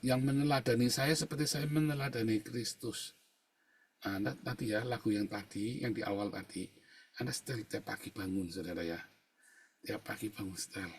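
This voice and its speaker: Husky tinged pastor preaching. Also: male voice, medium pitch. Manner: conversational preaching, constantly addressing listeners as brothers and sisters; swings from quiet asides to loud emphatic outbursts. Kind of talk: sermon with personal testimony.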